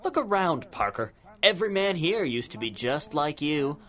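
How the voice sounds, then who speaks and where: An actor plays a cynical, corrupt older cop in a 1930s radio crime drama, smugly taunting in folksy tough-guy slang with a menacing, mocking edge. His voice is on the high side, pushed and bright, with big pitch swings at normal speed.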